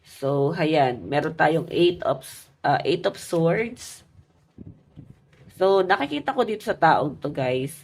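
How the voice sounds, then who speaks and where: A woman's voice: low voice, animated, slow, a little mellow. A woman giving a casual love tarot reading, chatty and talking straight to her viewers, her voice stuffy and nasal from a cold. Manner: chatty, addresses viewers as guys. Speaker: tarot reader.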